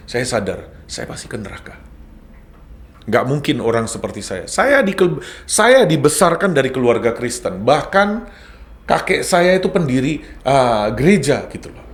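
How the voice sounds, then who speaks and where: A man's voice: medium pitch, very animated, normal speed. A middle-aged man telling his personal faith testimony in an earnest, heartfelt way, slipping in a few English words. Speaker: guest sharing a conversion testimony.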